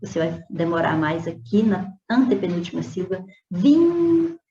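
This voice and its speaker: Woman teacher reviewing exam items, mellow voice, drawn-out examples, echoey lo-fi room. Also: fairly low pitch. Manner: explanatory, stretches out example words slowly; checks in with "né?" and "tá vendo?". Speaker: Portuguese teacher. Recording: roomy, dull lo-fi with faint noise.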